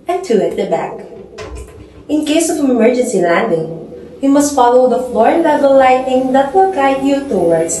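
A woman in her twenties giving a formal, measured, scripted airport and cabin announcement as a flight attendant. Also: fairly high pitch, a little mellow. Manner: formal, measured public-address delivery. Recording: echoey, reverberant, faint background noise.

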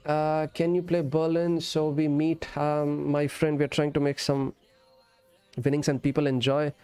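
Higher-pitched man chatting on stream. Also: flat delivery, a little slow, a little mellow, clear, resonant tone. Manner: friendly, addresses viewers as friend and brother, switches between English and Urdu. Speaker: game streamer. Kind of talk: casual live-stream chat while gaming. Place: indoor streaming setup. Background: music.

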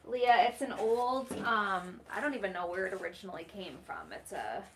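A woman's voice: medium pitch, lively intonation, moderate pace, slight background noise. A woman hosting a live stream from a shop basement, chatting casually and greeting viewers by name. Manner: casual, reads out viewer names and chats. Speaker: host running the live stream and camera.

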